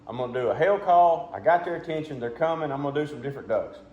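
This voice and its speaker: A man's voice: on the high side, animated, quick pace, a little mellow. A man giving a casual, hands-on lesson as a duck calling instructor, talking in a folksy, plain-spoken way. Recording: muffled, roomy, with background noise.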